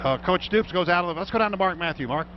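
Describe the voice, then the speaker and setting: Talking fast in a high-pitched voice, a male radio announcer calls football action live from a stadium broadcast booth. The crowd can be heard, and the recording quality is noisy and dull.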